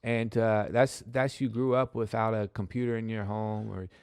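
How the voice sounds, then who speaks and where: A man's voice: on the low side, flat delivery, normal speed, clean tone, no echo, clean studio sound. A man of forty, a comedian guesting on a podcast, chatting in an easygoing, rambling way. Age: 40s. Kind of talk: casual podcast chat.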